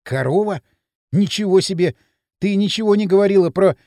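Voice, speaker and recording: A man's voice: sits high, normal speed, mellow, no room sound, studio quality, close to an everyday voice. A man voicing a tense frightened teen boy. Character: frightened teenage boy hiding from a monster. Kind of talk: audiobook role reading.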